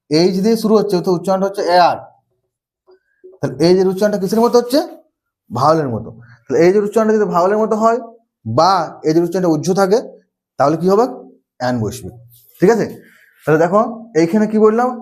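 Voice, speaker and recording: Grammar teacher, male, high voice, drills rules with questions he answers himself. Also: a little mellow. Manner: asks the class questions and answers them himself, repeats key rules. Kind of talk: classroom-style lesson.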